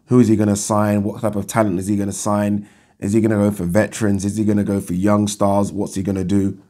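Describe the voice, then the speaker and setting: A man in his thirties with a croaky, just-woken voice, giving casual commentary to camera in a conversational way. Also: fairly low pitch, level tone, fast, mellow. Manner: conversational, rhetorical questions with 'right?' tags. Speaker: boxing talk show host. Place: indoors, small furnished room.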